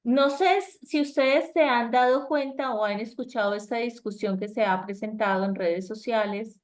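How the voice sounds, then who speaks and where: A woman's voice: fairly high pitch, normal speed. A woman, teaching an English class over a video call, explaining grammar patiently and often checking in with her students.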